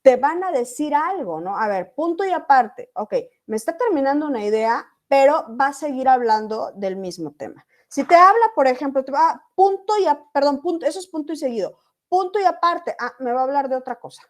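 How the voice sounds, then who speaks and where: Lady teacher, kinda high voice, explaining stuff to her class online and checking they follow. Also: expressive, brisk. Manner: explanatory, often checks in with students.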